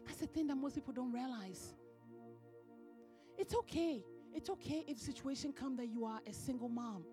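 A woman's voice: sits high, normal speed, music in the background. A woman minister preaching a sermon in a church, building emphasis and breaking into laughter now and then. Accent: non-American English.

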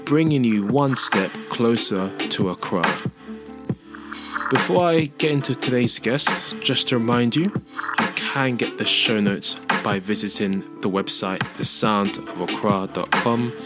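A podcast host chats casually with a guest in an interview, his speech full of fillers and restarts. He has a medium-pitched, unhurried voice. The audio is dry, with faint music underneath.

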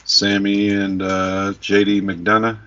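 A man's voice: lowish voice, monotone, slow, a bit bright. A middle-aged man hosting a podcast, chatting casually about sports. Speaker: podcast host. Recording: dull lo-fi audio.

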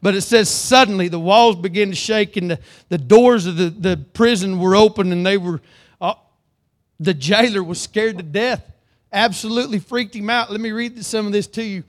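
A man delivers a sermon in a high voice. He reads scripture aloud, then preaches, rising to loud emphatic lines and dropping to low, earnest ones. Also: normal speed.

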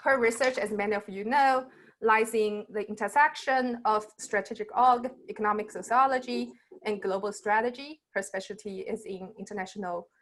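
A woman's voice: medium pitch, fairly even intonation, moderate pace, fairly bright tone. Host woman with filler-heavy introductions. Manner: loose, filler-heavy delivery. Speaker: webinar host. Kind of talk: introducing a guest in a webinar. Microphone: video call.

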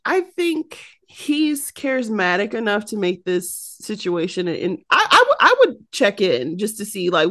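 A woman's voice: medium pitch, fairly bright tone. An American woman co-hosting a casual chat podcast, talking chattily with many "um"s and "you know"s. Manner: chatty, uses many fillers. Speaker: podcast co-host.

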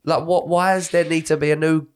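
Hoarse, gravelly southern English bloke. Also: male voice, fairly high pitch, little pitch movement, fairly quick. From Britain. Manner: blokey, sweary. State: hoarse from a cold. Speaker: podcast host and comedian. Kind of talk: casual podcast banter.

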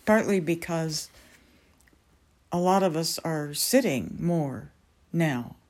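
Female meditation guide, low register, very slow pacing, gentle and calming, lots of pauses. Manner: unhurried, pausing between short phrases.

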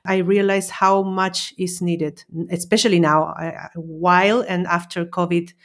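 A woman's voice: on the low side, level tone, a little slow. Hesitant woman psychologist from Chile. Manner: hesitant, with many fillers and restarts. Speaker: psychologist guest. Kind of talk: casual interview answers.

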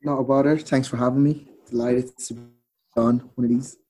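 Speaking fairly quickly in a flat, mid-range voice with a dark tone, this Irishman chats as a podcast guest. He recounts events and slips in quoted snippets of dialogue.

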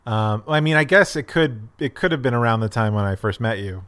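A man's voice: mid-range voice, fairly quick, a bit bright. A man co-hosting a casual film podcast, hesitant and self-deprecating, with many fillers. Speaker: podcast co-host.

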